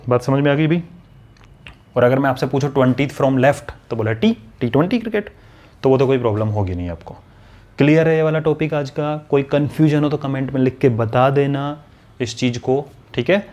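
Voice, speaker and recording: A man's voice: mid-range voice, lively intonation, moderate pace, darkish tone, highs cut off. A man teaching an online exam-prep lesson, explaining step by step and often checking whether students follow. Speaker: maths and reasoning teacher.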